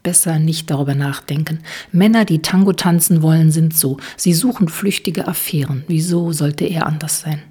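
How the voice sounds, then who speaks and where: A woman reads a novel aloud in calm, measured narration. Her voice is low, breathy and a little husky. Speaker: audiobook narrator. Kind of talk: scripted narration.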